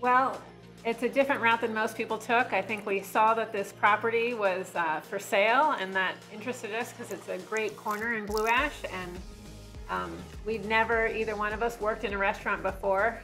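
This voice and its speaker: A friendly, chatty woman in her forties, sitting in a restaurant booth and describing her menu and business. Her voice is mid-pitched and conversational, and soft music plays faintly underneath. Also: fairly even intonation, normal speed, poor audio. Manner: friendly, chatty, laughs easily. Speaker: restaurant owner. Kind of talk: casual interview. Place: brick-walled restaurant booth, indoors. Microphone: lapel mic.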